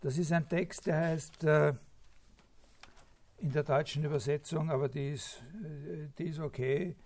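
A man's voice: a little high, steady tone, a little slow, a little mellow. A man giving a spontaneous academic lecture, thinking aloud with many filler sounds, restarts and tag questions.

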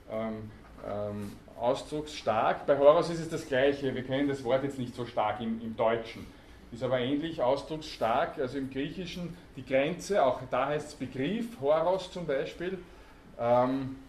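A man's voice: mid-range voice, a little mellow. A man giving a university lecture, explaining terms and quizzing students, with many hesitation sounds. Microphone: student recording from the audience. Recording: echoey hall, faint background noise.

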